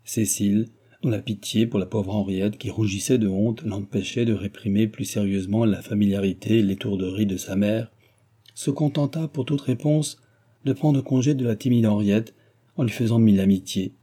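A male audiobook narrator reads a classic novel aloud in a measured, even storytelling style. His voice is fairly low-pitched and slightly rough.

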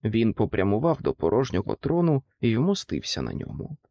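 A man narrating an audiobook in an expressive storytelling manner. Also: mid-range voice, no room sound.

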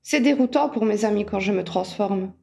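Brief: grumbling young male wizard, sulky and wary, mellow tone, read by a woman narrator. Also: mid-range voice, normal speed, gravelly. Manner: sulky, reluctant.

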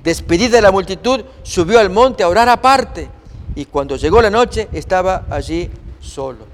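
Male preacher, high voice, teaching from scripture with rhetorical questions, long hall reverb. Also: animated, normal speed. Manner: reads scripture aloud and asks the listeners rhetorical questions. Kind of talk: sermon-style Bible teaching.

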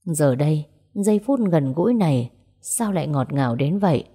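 A woman narrating a romance story aloud and voicing its characters in a gentle, even way. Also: deep voice, normal speed, breathy edge. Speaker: audiobook narrator. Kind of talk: storytelling narration with dialogue voices.

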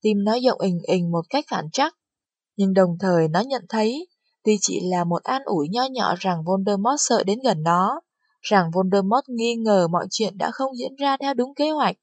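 A woman narrating an audiobook with steady storytelling delivery. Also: mid-range voice, moderate pace, slightly rough, no echo. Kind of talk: scripted narration.

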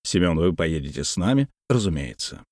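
A man's voice: sits low, very animated, a little fast, a little mellow, dry recording, clean studio sound, voice pushed down. A man voicing a pompous, self-important official who speaks in a commanding, condescending way in an audiobook.

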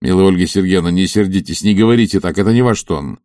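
A male narrator voicing an earnest gentleman in an audiobook, speaking urgently and persuasively. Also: deep voice, quick pace, dry recording, studio quality, lightly acted. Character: earnest, insistent gentleman friend.

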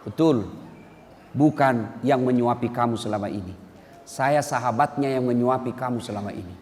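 A man voicing a gentle, humble older male companion in a sermon story, speaking softly. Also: a little high, normal speed, a little hiss or hum, pitched below the performer's own voice, natural voice. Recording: long hall reverb.

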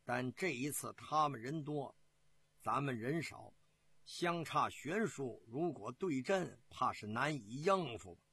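A man doing a worried, husky officer. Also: mid-range voice, expressive, a little slow, pushed and bright, no room sound, heavily acted. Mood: cautious. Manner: hesitant, careful. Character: cautious, worried middle-aged male officer. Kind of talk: traditional storytelling.

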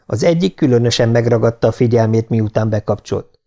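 A man narrating an audiobook in an even, measured storytelling manner. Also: medium pitch.

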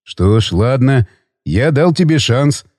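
A man voicing a vengeful young male surfer in an audiobook, with a taunting, drawling delivery in a deeper voice than his narration. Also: animated, slow pace, darkish tone, dry recording, clean studio sound. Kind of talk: audiobook character reading.

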